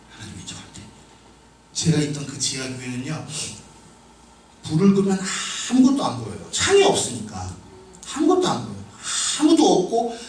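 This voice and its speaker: A man preaching a sermon with personal testimony, moving from quiet storytelling to shouted emphasis. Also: a little high, a little hiss or hum. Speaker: pastor. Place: church sanctuary. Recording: echoey hall from far off.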